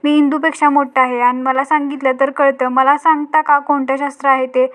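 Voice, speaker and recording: A calm, reasonable middle-aged uncle patiently reasoning with his sister-in-law, as a woman reads him out. The voice stays high and level. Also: brisk.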